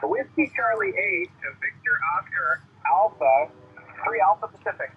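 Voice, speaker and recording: A man's voice: high-pitched, lively intonation, normal speed, phone-quality sound, a little hiss or hum. A man operating a ham radio contest station, heard through a radio receiver speaker, calling out clipped phonetic call signs. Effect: heard over a ham radio receiver speaker.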